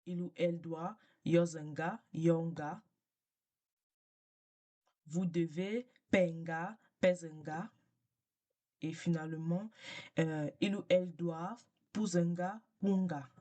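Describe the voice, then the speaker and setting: A woman with a fairly low voice teaches a language in a casual lesson. She speaks very slowly and patiently, repeating each word for learners. She moves between French and English as she explains. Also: steady tone, mellow.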